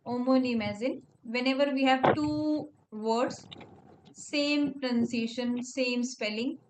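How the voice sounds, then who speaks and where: A woman's voice: high voice, slow pace, noisy background. A woman teaching French one-on-one, patiently spelling words out letter by letter and saying "okay" often. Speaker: French tutor. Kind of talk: one-on-one language lesson.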